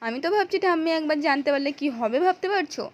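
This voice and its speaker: A woman's voice: high-pitched, expressive, quick pace, pitched above the performer's own voice. Woman reading an earnest young wife.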